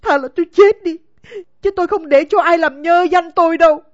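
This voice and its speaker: A woman's voice: extremely high pitch, fairly quick. A woman doing a proud young servant girl. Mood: indignant. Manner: firm, indignant. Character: poor young female servant, proud and virtuous. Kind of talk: audiobook character acting. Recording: dull lo-fi recording.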